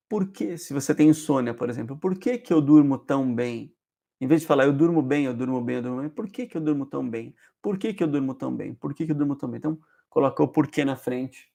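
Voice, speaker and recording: Gravelly-voiced man teaching. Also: medium pitch, darkish tone. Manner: explains with repeated example phrases, often checking in with "né?" and "ok?". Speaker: hypnotherapist host. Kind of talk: casual spoken lesson.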